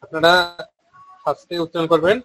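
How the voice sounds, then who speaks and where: A man with a Bengali accent teaching Sanskrit pronunciation, explaining briskly and then chanting each word slowly and drawn out. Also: a little high, flat delivery, a bit bright, no room sound, poor audio. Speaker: Vedic recitation teacher. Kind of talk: online pronunciation lesson.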